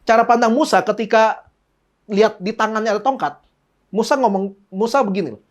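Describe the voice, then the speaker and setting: A man's voice: high voice, a little fast. Casual pastor, man, jokey, acts out dialogues. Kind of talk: casual sermon.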